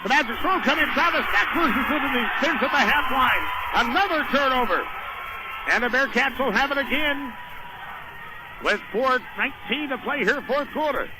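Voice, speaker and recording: With a very high voice and lively intonation at normal speed, an American man narrates a basketball game for live radio. His description of the action runs in clipped bursts over the noise of the gym.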